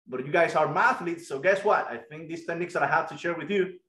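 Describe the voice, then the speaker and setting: A middle-aged man with a Cuban Spanish accent giving an energetic online math lesson and quizzing students over a video call headset. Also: on the high side, fast, reverberant, poor audio. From Cuba. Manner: energetic, asks students questions. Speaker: guest lecturer.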